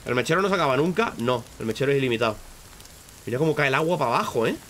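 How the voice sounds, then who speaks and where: A man giving casual, swear-heavy live commentary on a game, breaking into loud high shouts when startled. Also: animated, racing, a little hiss or hum. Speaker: streamer.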